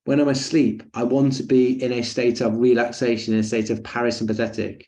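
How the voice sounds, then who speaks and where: A man's voice: mid-range voice, little pitch movement, a little fast, mellow. A man teaching a breathing webinar in a chatty, jokey way with lots of fillers and asides. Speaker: breathing coach.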